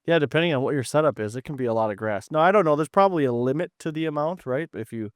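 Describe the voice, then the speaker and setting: Casting note: laid-back male co-host, smooth clear tone, chimes in with quick agreement, dry close mic. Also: on the high side, lively intonation, no echo. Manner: easygoing, lots of short agreeing replies. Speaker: podcast co-host. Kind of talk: casual chat.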